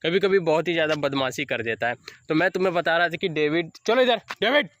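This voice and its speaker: Out by the fields on an evening walk, a young dog-owner vlogger talks fast in a fairly high, slightly bright voice. He chats about training tips and calls to his dog. The recording has no echo but sounds muffled.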